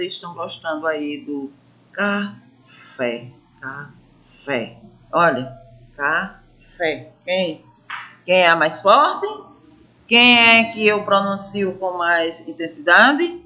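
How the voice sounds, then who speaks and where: A woman teaching a grammar lesson, drawing out syllables slowly to show stress and asking her pupils questions. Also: medium pitch, expressive, bright, forceful tone. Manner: addresses pupils as gente, asks questions. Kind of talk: classroom lesson explanation.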